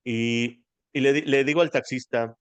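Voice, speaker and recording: A man's voice: medium pitch, steady tone, normal speed, clear, resonant tone. A man with a Mexican accent leading a spiritual study group in a chatty, affectionate way, calling his listeners family. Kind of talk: casual spiritual teaching.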